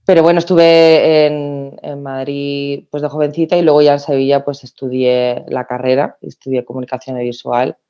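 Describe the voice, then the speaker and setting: A woman in her thirties from Spain, a podcast guest telling her story in a lively way with many restarts. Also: extremely low pitch, moderate pace, few pauses, clear, resonant tone, lo-fi sound. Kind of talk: casual podcast interview.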